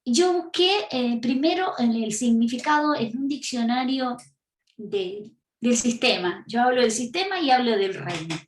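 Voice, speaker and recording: A woman's voice: on the high side, animated, unhurried. A woman with an Argentine accent preaching a teaching sermon, emphatic and full of rhetorical questions. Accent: Argentine Spanish. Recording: echoey room.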